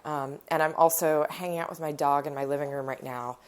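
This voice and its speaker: Stuffed up and nasal with a cold, this woman hosts a podcast from her living room, recording on her phone and rambling through stories in casual chat. Her deep, smooth voice moves a little fast with fairly even intonation.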